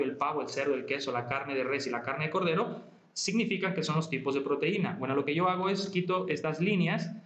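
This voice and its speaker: Patient Spanish-speaking tutor, roomy dull audio. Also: male voice, fairly high pitch, fairly bright tone. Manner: patient, step-by-step, talks to the viewer as "tú", frequent self-corrections. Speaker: online tutor. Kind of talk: screen-recorded software tutorial.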